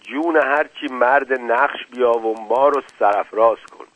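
A man voicing a cool-headed young male gambler who talks with calm swagger. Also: medium pitch, natural voice. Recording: dull lo-fi dry recording.

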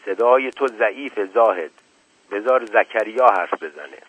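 A man's voice: fairly low pitch, a bit bright, husky, no room sound. Man doing a scornful grumbling villager. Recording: tinny lo-fi radio broadcast.

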